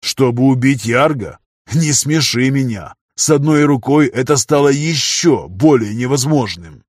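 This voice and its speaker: A man's voice: mid-range voice, animated, no echo, studio quality. A man playing a stern, scoffing arena master. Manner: stern and slow, with a scoffing edge.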